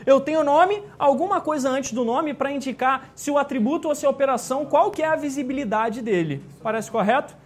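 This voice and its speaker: A man's voice: extremely high pitch, a little fast, few pauses. A man teaching a live exam-prep class, chatty and jokey, often checking in with his students.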